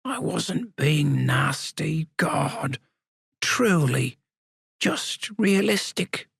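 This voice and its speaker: A man's voice: fairly high pitch, lively intonation, extremely slow, gravelly, fairly bright tone, breathy edge, dry recording, clean studio sound, pitched above the performer's own voice, exaggerated voice. A man voicing a whimsical, self-justifying old ex-convict in an audiobook story. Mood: defensive, pleading. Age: older. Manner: whimsical, protesting.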